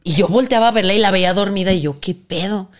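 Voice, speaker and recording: A woman's voice: medium pitch, quick pace. A woman with a Mexican accent, chatting on a podcast and telling a story expressively. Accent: Mexican Spanish. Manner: expressive storyteller who acts out voices. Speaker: podcast co-host. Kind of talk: casual chat.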